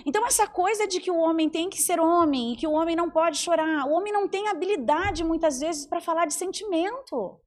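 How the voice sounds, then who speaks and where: A woman in her forties, a psychologist and mentor, talking in an animated way on a podcast and acting out the voices she quotes. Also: very high-pitched, brisk, few pauses. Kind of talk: podcast conversation.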